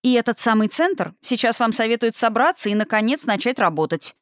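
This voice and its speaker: A woman's voice: on the high side, expressive, fairly quick, dry recording, clean studio sound, voice pushed up, natural voice. A woman reading the part of a strict, businesslike young partner who teases her colleague, in an audiobook. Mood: teasing.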